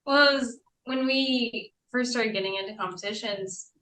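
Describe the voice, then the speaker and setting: A woman's voice: on the high side, normal speed, a bit bright, far from the mic, a little hiss or hum. Woman just chatting, roomy echo, sounds a bit away from the mic. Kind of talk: casual chat.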